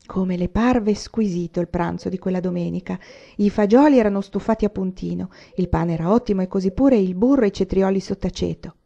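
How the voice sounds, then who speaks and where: A woman reading a novel aloud in a steady, even storytelling manner, in a dull lo-fi recording. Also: medium pitch, brisk, gravelly. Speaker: audiobook reader.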